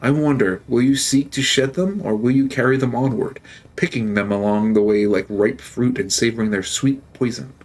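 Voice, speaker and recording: A man's voice: medium pitch, moderate pace, lightly acted. A man voicing a gaunt, sanctimonious old male priest in a video game, reading his lines in a solemn, preachy way. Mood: solemn, probing. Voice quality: rasping, harsh.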